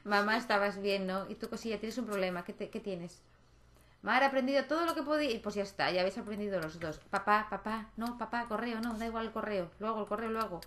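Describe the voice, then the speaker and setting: A young woman chats her way through a life-simulation game, talking straight to her characters. Her voice sits at an ordinary middle pitch. A faint noise runs under the recording. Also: a bit bright. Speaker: gaming channel host. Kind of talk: casual gameplay commentary.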